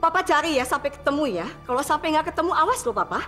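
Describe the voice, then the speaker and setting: A wealthy mother thrown into panic, her voice high and bright. She is dramatic and throws English exclamations into her speech, with soft music underneath in this TV drama. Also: lively intonation, fast. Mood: accusing. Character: wealthy mother frantic over her missing daughter. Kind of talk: TV drama acting.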